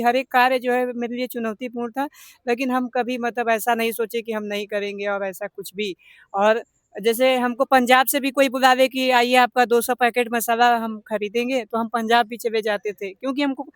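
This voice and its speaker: A man's voice: extremely high pitch, fairly bright tone, clear, resonant tone, dry recording, clean studio sound. A young man with a Banaras Hindi accent, answering interview questions earnestly, rambling with many fillers. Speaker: interviewed business owner.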